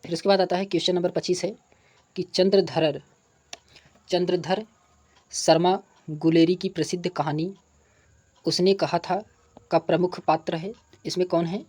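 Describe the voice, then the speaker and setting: Speaking with a high, steady, slightly mellow voice that has a breathy edge, a male teacher works through past exam questions. After reading each one, he states the answer twice and explains it, carefully spelling out sounds and examples.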